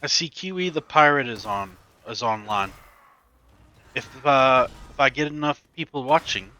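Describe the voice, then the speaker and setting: A man chatting casually on a game stream, rambling with many pauses, while eating a snack. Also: medium pitch, animated, sharp tone. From not from the US. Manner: rambling, halting, many fillers and restarts.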